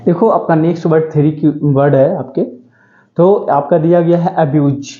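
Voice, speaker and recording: A man's voice: fairly high pitch, fairly even intonation, moderate pace. Male tutor, repetitive drilling delivery, echoey lo-fi room. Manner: repetitive, drilling each word with "ठीक है" and self-questions. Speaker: English vocabulary teacher. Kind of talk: exam-prep vocabulary lecture. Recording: roomy, dull lo-fi sound.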